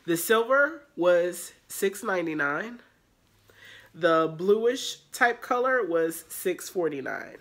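A woman's voice: lowish voice, sing-song, takes it slowly, fairly bright tone. A woman talking through a casual, rambling shopping haul vlog, stuffed up with allergies and sounding nasal. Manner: rambling, filler-heavy talk. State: congested with allergies. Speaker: haul vlogger.

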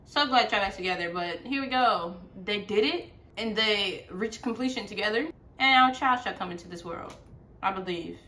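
A woman hosting a reaction video, chatty and exclaiming, quick to laugh at what she watches. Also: medium pitch, pushed and bright. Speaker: video host reacting to a series. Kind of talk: casual reaction commentary.

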